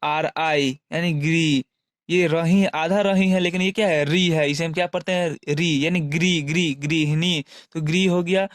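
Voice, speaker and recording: A man with a fairly high, clear and smooth voice teaches step by step. He poses each question and answers it himself, and he stretches syllables out slowly so they are easy to follow. The sound is dry, with almost no room echo. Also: fairly even intonation. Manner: addresses viewers as friends. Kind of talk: classroom explanation.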